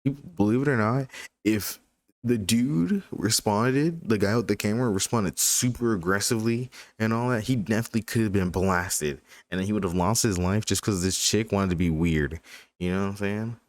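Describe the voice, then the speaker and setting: A man's voice: lowish voice, moderate pace, no room sound. A man giving rambling, casual reaction commentary on a video, swearing freely.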